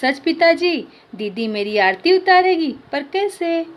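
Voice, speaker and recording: A woman's voice: on the high side, fairly even intonation, a little slow, natural voice. A woman teacher voicing a young schoolboy in a read-aloud lesson. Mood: eager. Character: young schoolboy, sad then eager.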